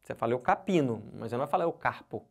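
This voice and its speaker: A man's voice: mid-range voice, expressive, rapid-fire, creaky. A man from Brazil teaching grammar to exam candidates in a casual lecture, often checking in with his students. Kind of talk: recorded classroom lecture.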